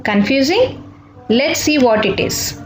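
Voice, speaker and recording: A woman's voice: sits high, expressive, slow. A woman teacher giving a careful spelling lesson, spelling words out letter by letter. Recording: echoey room with faint music.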